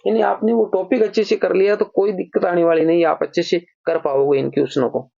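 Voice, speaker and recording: This exam-prep grammar teacher dictates example sentences word by word and explains patiently, calling his audience brother. His voice is high-pitched yet dark, with vocal fry, a steady tone and a quick pace, captured in a dull lo-fi recording.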